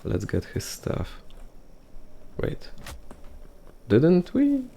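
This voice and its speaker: A young man giving casual gameplay commentary, thinking out loud in a rambling way and filling his talk with "like". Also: high voice, wildly swooping pitch, very slow, gravelly, slight background noise. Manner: heavy use of "like" fillers.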